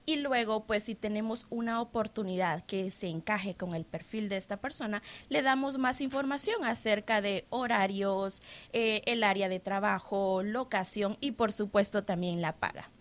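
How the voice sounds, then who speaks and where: A woman's voice: medium pitch, normal speed, few pauses. A woman from Guatemala, a staffing agency representative, explaining her work as a guest on a radio show in an upbeat way.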